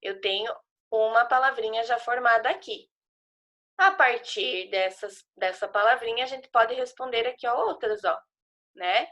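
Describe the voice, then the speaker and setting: Teaching remotely, this woman with a Brazilian Portuguese accent patiently takes young children through a worksheet, sounding out syllables for them. She's a primary school teacher whose fairly high voice has a sharp tone and an unhurried pace, though the audio is dull.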